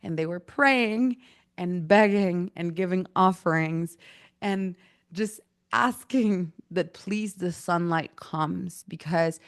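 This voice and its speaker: A woman's voice: on the low side, no echo, clean studio sound. A woman teaching an online workshop, talking casually with many fillers, her throat a little irritated. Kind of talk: online presentation talk.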